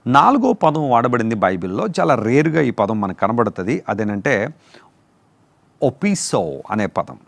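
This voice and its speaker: A man preaching a sermon, explaining terms slowly and repeating each word. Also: mid-range voice, creaky, no echo. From India. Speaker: pastor. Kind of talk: sermon teaching on word meanings.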